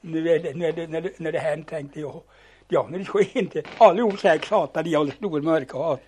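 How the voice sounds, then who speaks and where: An older man telling lively anecdotes from his youth, acting out the dialogue and often stumbling and restarting words. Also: a little high, slight background noise. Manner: animated yarn-spinning, acting out dialogue, repeats and restarts words. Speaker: storyteller. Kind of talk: spoken reminiscence, telling old anecdotes.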